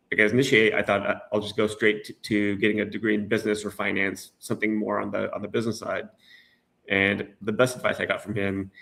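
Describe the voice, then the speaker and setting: A man's voice: lowish voice, vocal fry, fairly bright tone. A middle-aged man from the United States, talking as a guest in a casual interview, hesitant with many restarts and fillers.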